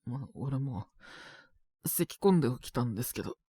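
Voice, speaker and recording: A mid-range, animated voice with a dark tone and a breathy edge belongs to an actor playing a young man down with a cold. Speaking at normal speed, he coughs often and sounds apologetic and reassuring while he grumbles politely to his senior, sighing and mumbling reluctant replies in casual junior speech. It's a studio-quality, dry recording of an intimate, one-sided Japanese BL situation drama.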